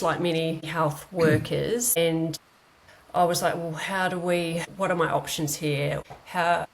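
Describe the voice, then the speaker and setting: A woman in her late thirties with a broad New Zealand accent, telling her own story conversationally as an interview guest. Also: lowish voice. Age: late 30s. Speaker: guest, paramedic.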